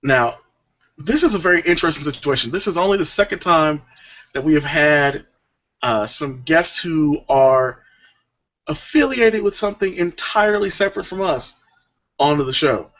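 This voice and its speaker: A man's voice: fairly high pitch, animated, moderate pace, fairly bright tone. A man hosting a podcast, telling stories in a laid-back, rambling way with lots of fillers. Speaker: podcast host. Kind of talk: casual podcast chat. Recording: dull lo-fi audio.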